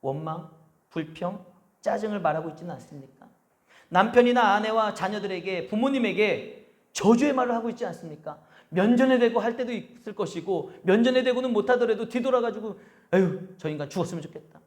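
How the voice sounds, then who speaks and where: A pastor preaching a Sunday sermon at a church service, pressing the congregation with repeated rhetorical questions and slowing down to stress key phrases. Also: male voice, sits high.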